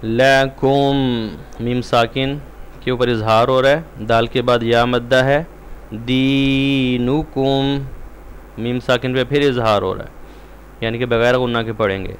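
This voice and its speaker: A man teaching a Quran recitation lesson. He explains the rules quickly and recites the words slowly, drawing them out. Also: medium pitch, steady tone, a little hiss or hum. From Pakistan.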